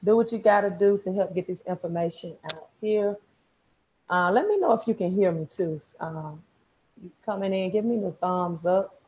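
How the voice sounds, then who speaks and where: Woman, Mississippi Southern accent, slightly low voice, informal live-stream coach, emphatic repetition, earphone mic at home. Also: normal speed, darkish tone, a little hiss or hum, low-quality recording. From Mississippi, United States. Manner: repeats words for emphasis, checks in with "right?". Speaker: credit repair coach. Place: small room at home, indoors.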